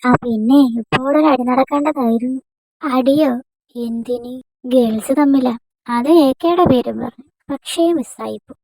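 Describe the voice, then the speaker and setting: Young woman playing a chatty first-year college girl, quick-tongued, high voice, dry close sound. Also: a little mellow, no echo. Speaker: fan dub voice actor. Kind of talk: amateur dubbed romance drama.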